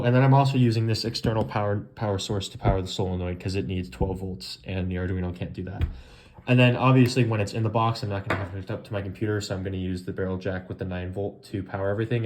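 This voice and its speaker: A young man with a fairly low voice giving a loose show-and-tell of a homemade gadget. He talks informally, drifts through fillers and lets sentences trail off. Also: fast talker, darkish tone. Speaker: hobbyist demonstrating an electronics project.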